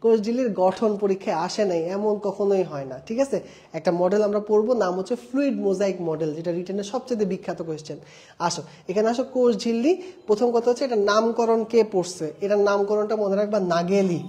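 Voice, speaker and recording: Young man, exam-prep tutor, mellow tone, drills terms through repetition and quick quizzes. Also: sits high. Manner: drills key terms by repeating them and quizzing students; explains with mnemonics and personal anecdotes. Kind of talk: online class lecture.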